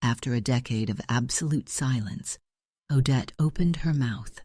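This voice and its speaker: Mellow dark-toned male audiobook narrator. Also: medium pitch, moderate pace, dry recording, studio quality. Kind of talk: scripted romance audiobook narration.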